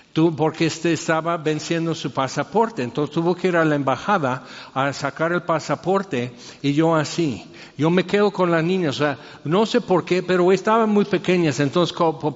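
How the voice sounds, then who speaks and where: A man giving an emotional personal testimony, halting and restarting his sentences often. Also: fairly high pitch. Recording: reverberant hall, dull lo-fi sound.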